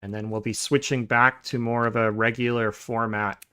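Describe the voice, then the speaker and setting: A man hosting a podcast in a relaxed, casual chat, pausing often with filler sounds and restarting sentences. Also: mid-range voice, smooth. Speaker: podcast host.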